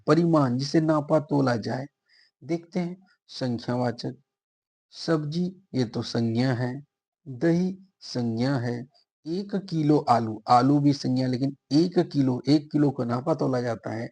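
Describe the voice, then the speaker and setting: A male teacher with a mellow, somewhat husky voice works through quiz questions one by one. He reads each answer option aloud and repeats it before settling on the right one, in a patient, step-by-step classroom manner. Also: mid-range voice. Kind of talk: exam-prep grammar lesson.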